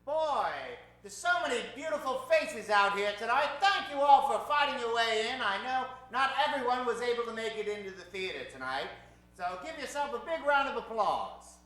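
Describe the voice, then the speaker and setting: A man with a very high, expressive voice and a fairly bright tone speaks at a moderate pace as host of an improvised live radio show. Performing on a theater stage, he's flamboyant and mock-formal in old-time radio fashion and jokes with the crowd, and the recording echoes.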